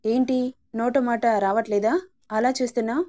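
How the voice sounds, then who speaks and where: A quarrelsome young woman with a sharp tongue, always scolding, as a woman reader voices her. Her voice is fairly high and mellow. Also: fairly even intonation, moderate pace, natural voice.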